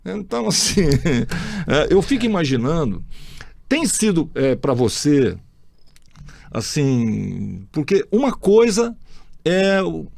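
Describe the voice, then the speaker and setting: A Brazilian man hosting a relaxed conversation, his voice sitting a little high and swinging widely in pitch as he tells stories. He talks bluntly, curses without a second thought and acts out each side of the exchanges he recalls. The sound is close and dry. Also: slow, vocal fry, dry recording. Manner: blunt, swears freely, acts out anecdotes. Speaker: podcast host. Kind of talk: casual chat.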